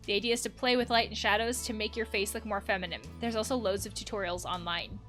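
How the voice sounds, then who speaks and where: A young adult woman, a counselor, hosts a casual game let's play, reading on-screen text aloud and adding reflective, conversational asides. She talks fast in a steady, medium-pitched, slightly bright voice over background music.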